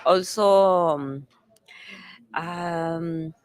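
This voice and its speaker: Slow, hesitant woman with a Mexican accent. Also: on the low side, darkish tone. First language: Spanish. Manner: hesitant, searching for words, laughs often. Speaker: interview guest, company founder. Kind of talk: casual conference interview.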